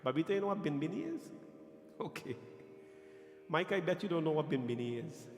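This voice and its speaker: A man's voice: a little high, lively intonation. Guyanese man preaching in an echoey hall. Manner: emphatic, deliberate phrasing with questions to listeners. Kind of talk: religious discourse to a congregation. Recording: echoey hall, long reverb, faint music.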